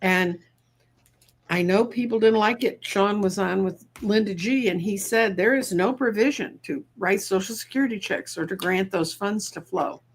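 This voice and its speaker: A woman's voice: medium pitch, moderate pace, husky. A woman co-hosting a casual live chat, talking at length in a wry, opinionated way. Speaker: co-host.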